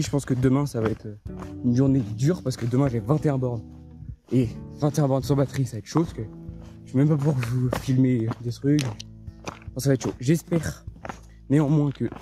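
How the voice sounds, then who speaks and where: Hiking alone up a mountain trail, a young man vlogs into his phone camera, sounding tired and low in spirits. His talk rambles and hesitates, full of fillers.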